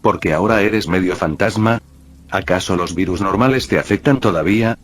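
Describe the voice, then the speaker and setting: A man's voice: sits low, brisk. A man voicing a casual, easygoing teenage boy sidekick in a read-aloud fan story.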